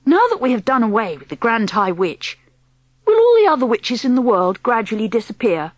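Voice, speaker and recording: A woman voicing a young boy who has been turned into a mouse, eager and anxious, pleading and excitable. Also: on the high side, moderate pace, no echo.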